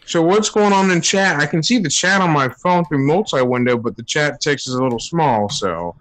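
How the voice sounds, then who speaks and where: A man calling into a video chat from his phone, asking questions in a hesitant, halting way. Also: fairly high pitch, a bit bright, low-quality recording. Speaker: caller. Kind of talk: casual video-call chat. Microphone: phone on a video call.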